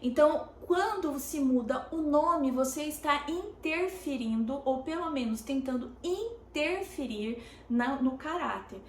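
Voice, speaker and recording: Brazilian woman pastor, high bright voice, halting and emphatic sermon delivery, roomy echo. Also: expressive. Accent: Brazilian Portuguese. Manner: deliberate, halting, with many pauses and "é" fillers. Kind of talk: sermon, streamed teaching. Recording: roomy echo with faint background noise.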